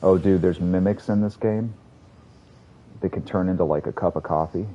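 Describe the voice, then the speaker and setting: A man's voice: low voice, fairly even intonation, moderate pace, dark tone, highs cut off. A man streaming a video game, rambling and swearing casually as he talks to his chat. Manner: rambling, profane, chatty. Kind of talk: casual gameplay commentary to a live chat.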